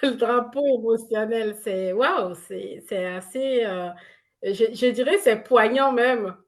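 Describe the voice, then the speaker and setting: Female host for an online coaching live, slow-paced, filler-heavy. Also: a little high. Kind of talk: hosting an online live session.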